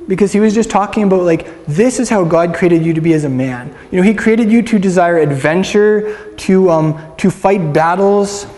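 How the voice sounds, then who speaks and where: A man's voice: sits high, a little mellow, long reverb tail. A man giving a casual, interactive Bible teaching to a group in a room. He talks in a chatty, upbeat way with lots of fillers and has the room repeat words after him.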